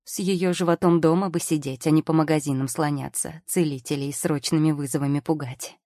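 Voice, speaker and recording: A woman's voice: low voice, steady tone, a little fast, dark tone, dry recording. A woman narrating an audiobook in the first person with a wry, ironic storytelling manner, recorded on a close studio mic.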